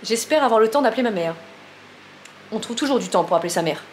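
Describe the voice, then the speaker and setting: A chatty woman with a slightly high voice talks through a casual home vlog, frazzled and self-mocking. She is recorded in an echoey kitchen with a faint hum of room noise behind her. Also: animated, quick pace. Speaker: vlogger.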